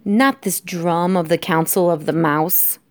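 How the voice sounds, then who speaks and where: A woman's voice: lowish voice, fairly even intonation, a little slow, no echo, lightly acted. A woman voicing a haughty, indignant mother mouse in a storybook, theatrical and disdainful. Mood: dismissive, bored. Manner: theatrical, disdainful, stilted phrasing.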